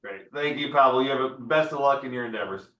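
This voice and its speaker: A man's voice: mid-range voice, quick pace, a bit bright. A man hosting an interview, closing with polished, upbeat remarks. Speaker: podcast host. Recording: echoey and distant from the mic.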